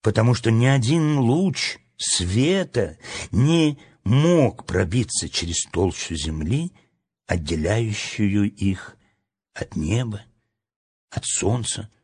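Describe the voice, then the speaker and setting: Male storybook reader, husky voice, slow and very lively delivery. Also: on the low side. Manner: expressive, dramatic reading. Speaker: narrator. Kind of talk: storybook narration.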